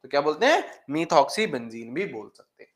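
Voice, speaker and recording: A male teacher in a live class, joking with students and repeating key terms slowly. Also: a little high, big pitch swings, reverberant. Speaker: chemistry teacher.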